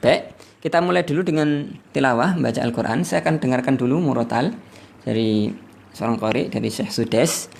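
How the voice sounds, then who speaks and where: A man teaching Quran recitation in a livestreamed study session, often ending phrases with "ya" and slowly chanting verses to demonstrate. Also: mid-range voice, vocal fry, darkish tone, slight background noise. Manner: tags sentences with "ya", sings out verses slowly to demonstrate. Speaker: religious teacher.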